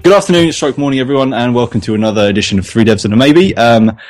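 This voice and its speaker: A man's voice: mid-range voice, fast talker, faint music behind. A man hosting a podcast, chatting casually and jokily, rambling a little. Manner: jokey, rambling, stumbles over names. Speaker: podcast host. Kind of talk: casual chat.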